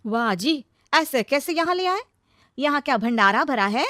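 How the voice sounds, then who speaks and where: A woman voicing a scornful, sharp-tongued young sister-in-law in a cartoon story. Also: high voice, lively intonation, normal speed, dry recording, studio quality, voice pushed up.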